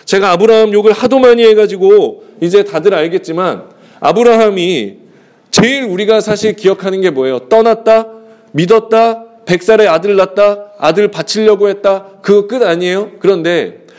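A man's voice: moderate pace, darkish tone. A male pastor preaching a sermon in a conversational way, asking the congregation rhetorical questions and acting out bits of dialogue. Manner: acts out dialogue with shifting pitch.

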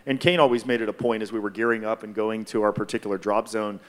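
A man from Hawaii sharing a personal testimony on a church panel, speaking in a measured, reflective way with frequent pauses. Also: on the low side, steady tone, fairly bright tone.

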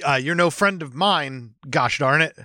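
A man's voice: fairly high pitch, a little slow, bright, forceful tone, no room sound, clean studio sound. A man co-hosting a movie podcast with casual, jokey banter, full of sweary, over-the-top fan enthusiasm. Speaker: podcast co-host.

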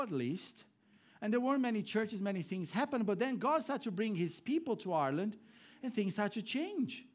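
Brief: male pastor, sermon to a congregation, very high voice, emphatic then hushed. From Brazil. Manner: preaching with swings between raised emphatic lines and low hushed ones. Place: church hall before a congregation.

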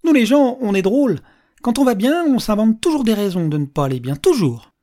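A narrator voicing a jovial, eccentric old man who teases strangers loudly and theatrically in an audiobook. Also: medium pitch, very animated, fairly quick, voice pushed up. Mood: loud, teasing. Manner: loud, theatrical, teasing. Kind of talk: audiobook character voice.

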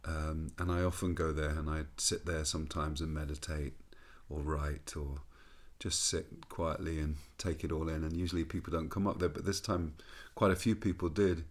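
A man, a rabbi, giving a measured, thoughtful spoken reflection that moves between reading a poem and telling a personal story. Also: a bass voice, level tone.

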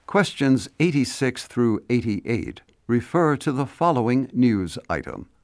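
A man narrates exam instructions in a formal, scripted manner. His medium-pitched voice has strong rises and falls, recorded very dry. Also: big pitch swings, measured pace, a little mellow, no room sound. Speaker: listening test narrator.

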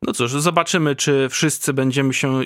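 A man hosting a podcast, asking questions and summing up in a measured, conversational way. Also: medium pitch, steady tone, fairly bright tone, no echo, clean studio sound. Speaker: podcast host. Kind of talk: podcast interview.

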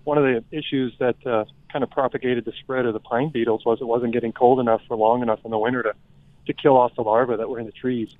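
A man's voice: mid-range voice, level tone, fast talker, no echo. A man calling a radio show on his phone while driving, with the reception breaking up, chatting in an easygoing way. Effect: phone call from a moving car, reception breaking up. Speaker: caller. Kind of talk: casual call-in chat. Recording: tinny phone line, dry.

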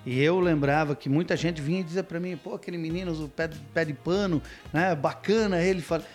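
Male radio veteran, slightly high voice, animated storyteller in a casual interview. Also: a little fast, soft background music. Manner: lively storyteller who mimics stiff announcer voices. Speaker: radio announcer and podcast guest.

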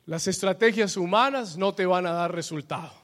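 A male pastor preaches with a high, bright, ringing voice, driving his points home with emphatic repetition. His voice carries a long reverb tail from a church sanctuary. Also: moderate pace. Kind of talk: sermon.

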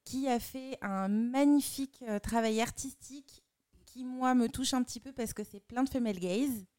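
A woman's voice: a little high, normal speed, a little mellow. A woman presenting a culture segment in casual, upbeat live chat. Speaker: culture columnist.

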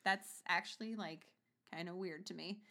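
A woman's voice: fairly low pitch, moderate pace, bright, forceful tone. A woman co-hosting a casual true-crime chat, reading out case notes and breaking off into profane asides. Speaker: podcast co-host.

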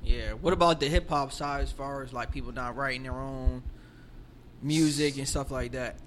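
A man's voice: mid-range voice, fairly even intonation, moderate pace, a bit bright, a little hiss or hum. A man hosting a casual interview, asking long rambling questions with restarts and backing the guest with "mm-hmm.". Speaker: interviewer host.

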